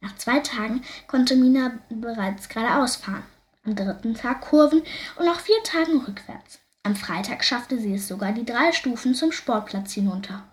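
A woman's voice: a little high, lively intonation, normal speed. Woman reading a children's story aloud.

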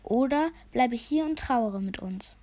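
Habakuk, a woman doing a croaking, solemn old raven. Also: a little high, animated, slow pace, dark tone. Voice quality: croaking, rasping. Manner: solemn, grave, grumpy. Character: gloomy, self-important old male raven sage.

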